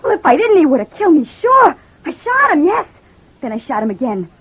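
Playing a distraught wife who says she shot her abusive husband, this actress in a 1940s-50s radio crime drama sounds overwrought, her high female voice swinging widely in pitch. She delivers the lines hesitantly, emotionally, and haltingly, on a muffled, thin old-time recording.

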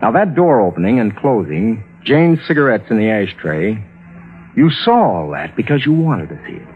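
In a 1940s-50s style radio drama, a male actor with a lowish voice and big pitch swings plays a rational, skeptical lawyer, narrating and arguing in a measured, earnest, pressing way. The tinny old radio recording has music behind it.

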